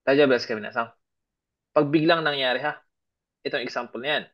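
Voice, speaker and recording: A Japanese language teacher with a medium-pitched, slightly fast voice leads an online grammar lesson. He explains patiently, keeps checking that students understand, and mixes English and example sentences into his talk, all on dull lo-fi audio.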